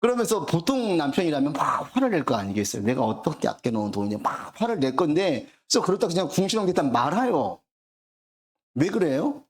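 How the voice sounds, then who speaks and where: A male pastor delivers a Sunday sermon in a storytelling way, slipping into the voices of the people in his anecdotes. His voice sits a little high and swings widely in pitch as he builds toward his points. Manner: storytelling, acts out quoted dialogue.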